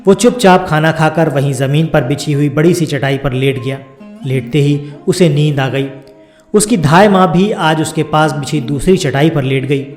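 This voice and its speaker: A man narrating a fairy tale in a steady, even storytelling read. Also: fairly high pitch. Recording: roomy sound with soft background music.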